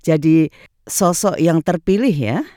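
A woman's voice: deep voice, expressive, slow pace, dark tone, no room sound, studio quality. A woman conducting a conversational radio interview as the interviewer.

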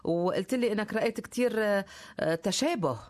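Fast-talking Levantine woman radio host. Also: mid-range voice, lively intonation, a little mellow. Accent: Levantine Arabic. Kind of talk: live radio interview.

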